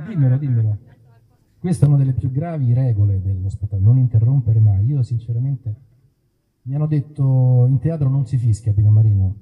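During a live outdoor stage show, a male musician and singer banters with his audience between songs in a colloquial, theatrical way. His mid-range voice has a breathy edge, and the live recording with music sounds narrow and tinny.

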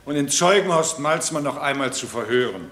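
An actor playing a stern, formal presiding judge in a 1960s radio drama. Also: male voice, mid-range voice, animated, normal speed, a bit bright, natural voice. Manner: formal, commanding. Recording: roomy vintage radio play studio.

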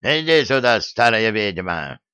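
A man voicing a stubborn old villager who shouts indignantly, in an audiobook reading. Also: fairly low pitch, very animated, a little slow, clean tone, no room sound, clean studio sound, full character voice.

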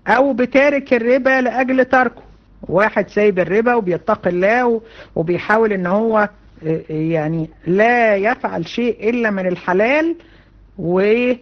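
A woman with an Egyptian Arabic accent giving a religion lesson to women, animated and colloquial, with many rhetorical questions. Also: mid-range voice, moderate pace, muffled recording. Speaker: religion teacher. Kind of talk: lecture to women students.

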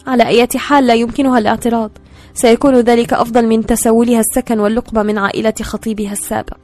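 A woman's voice: a little high, little pitch movement, racing, a little mellow, soft background music, natural voice. A woman reading the part of a bitter older sister who talks in a clipped, hard way.

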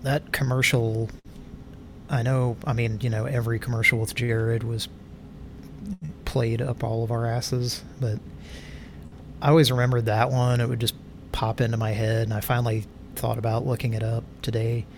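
A man's voice: mid-range voice, little pitch movement, moderate pace, a little hiss or hum. A man hosting a live show, rambling through irreverent jokes and stopping himself mid-sentence. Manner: meandering, self-interrupting, irreverent jokes. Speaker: livestream show host. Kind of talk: rambling comedic live chat.

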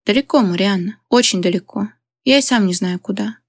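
A cold-blooded henchman read by a woman answers calmly and evenly, never hurrying. The pitch stays in the middle. The recording is dry and close. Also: no echo, natural voice. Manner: calm, even, unhurried. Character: man, calm cold-blooded henchman on the phone.

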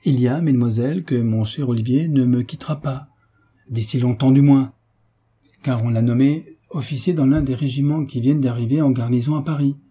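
A man's voice: mid-range voice, a little fast, mellow, breathy edge, voice pushed up, natural voice. A man voicing a joyful older sailor, a veteran uncle who speaks in hearty exclamations.

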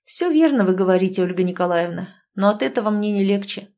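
A woman's voice: mid-range voice, animated, quick pace, darkish tone, natural voice. A woman reading the part of a brooding young male officer who pleads urgently.

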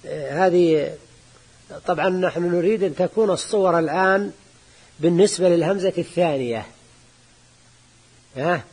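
A sheikh teaching a grammar lesson, his voice sitting fairly high for a man with a husky edge to it. He works through the text patiently, repeating key words slowly and tossing quick questions to his students. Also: darkish tone. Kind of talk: classroom lecture explaining a grammar text.

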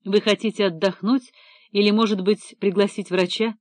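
A woman voicing a calm, stern young male police detective who speaks in a measured, firm way. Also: mid-range voice, no echo, lightly acted. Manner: measured, firm, quietly patient.

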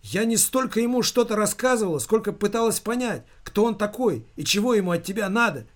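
A man reading an audiobook voices a hysterical, anxious middle-aged mother with a shrill, pleading manner. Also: measured pace, natural voice.

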